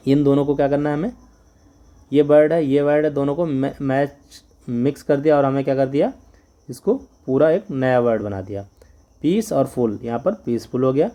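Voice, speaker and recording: A man's voice: mid-range voice, moderate pace, warm tone. A man with an Indian accent, a Hindi-speaking teacher explaining a lesson step by step and spelling words out letter by letter.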